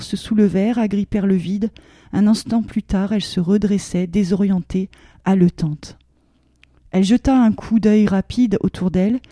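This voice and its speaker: A woman reads a story aloud in a calm, measured way. Her voice is deep-toned and mellow, and the recording is close and dry with no room sound. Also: dry recording. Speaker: narrator. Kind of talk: scripted story reading.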